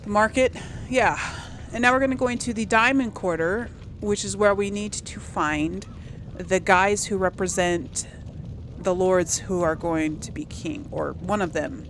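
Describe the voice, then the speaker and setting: This unhurried, mid-range female voice belongs to a let's play host who wanders from thought to thought while gaming. She offers casual commentary, thinking out loud as she goes. The recording carries a faint background hum.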